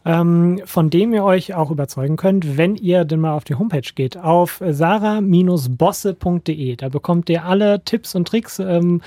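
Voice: medium pitch, measured pace, hardly any pauses, dark tone, dry recording, clean studio sound. An interviewer encouraging a guest and pointing listeners to her website.

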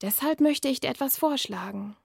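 A woman reading from her novel, voicing a sly, sinister night creature in a slow, coaxing, half-whispered hiss. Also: high-pitched, animated, vocal fry, breathy edge, dry recording, clean studio sound, full character voice.

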